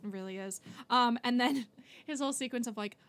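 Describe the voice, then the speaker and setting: A woman's voice: a little high, fairly quick, fairly bright tone. A woman co-hosting a casual podcast chat, enthusiastic and laughing often as she recalls favorite scenes. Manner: enthusiastic, laughs often, quotes film lines. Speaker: podcast co-host. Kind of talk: casual chat about a film.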